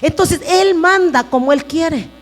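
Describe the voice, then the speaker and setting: A woman's voice: very high voice, a little slow. A woman pastor preaching a sermon in an earnest way, speaking to the congregation as brothers and sisters. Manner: earnest, addresses listeners as brothers.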